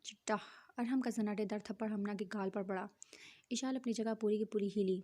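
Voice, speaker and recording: Mellow-voiced woman reading a novel. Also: mid-range voice, steady tone, a little fast. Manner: reads all parts herself, dramatic dialogue. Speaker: narrator.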